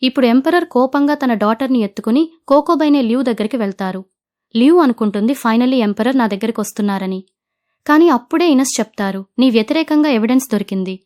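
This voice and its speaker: A woman retelling the plot of a fantasy drama, quoting each character in her own steady narrating voice. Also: fairly high pitch, fast talker.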